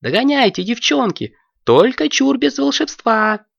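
A storyteller voicing an excitable, impatient young girl wizard who gushes and hurries everyone along. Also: measured pace, vocal fry, dry recording, dull audio, full character voice. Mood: eager. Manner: shrill, gushing, always hurrying others.

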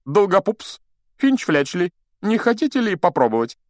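A vain, flustered wizard teacher, squealing high above the narration and fussing loudly at everyone. The voice is pushed up bright and strained, with a thinner tone than the reader's own. It swings wildly up and down. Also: male voice, sing-song, moderate pace, no echo, clean studio sound. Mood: showy. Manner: shrill, fussy and overexcited.

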